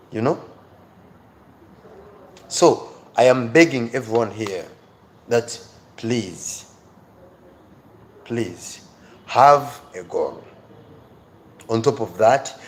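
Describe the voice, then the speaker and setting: This online teacher and livestream host, a man with a mid-range voice, runs an English reading-skills lesson. He talks emphatically and repeats phrases, addressing viewers directly in a pleading, encouraging way. The recording carries clear background noise.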